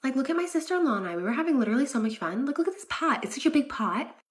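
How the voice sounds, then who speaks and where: A woman in her thirties performing comic skits and chatting casually, with an animated, exasperated and sarcastic way of talking. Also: high voice, rapid-fire. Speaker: comedy skit creator. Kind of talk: comic point-of-view skits and casual vlog narration.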